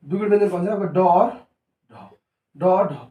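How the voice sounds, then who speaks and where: Male tutor, high voice, repetitive call-and-response drilling; distant mic in a roomy classroom. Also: normal speed, narrow, tinny audio. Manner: call-and-response drilling, repeats each answer. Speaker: teacher. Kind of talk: classroom lesson. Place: coaching classroom. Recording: echoey room, mic far off.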